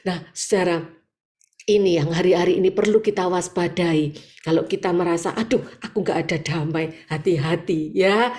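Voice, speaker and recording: Lively East Javanese woman preaching. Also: mid-range voice. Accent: East Javanese Indonesian. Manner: lively, acts out quoted voices, laughs often. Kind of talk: sermon at an online morning prayer meeting. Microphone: video call audio.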